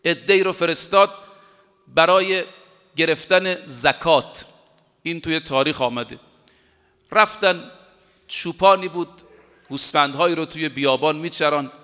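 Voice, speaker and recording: A male preacher delivering a sermon with emphatic conviction, drawing out his Arabic quotations word by word. His voice sits high and sounds bright and forceful. The sound rings with a long reverb, as if from a large hall. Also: clear, resonant tone. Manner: emphatic, recites Arabic quotations slowly and deliberately.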